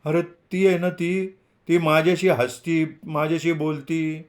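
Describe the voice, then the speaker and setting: A man's voice: a little high, flat delivery, measured pace, pitched above the performer's own voice, natural voice. A man reading a novel aloud, voicing a shy, nervous young male student in a raised, hesitant voice. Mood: hesitant, eager.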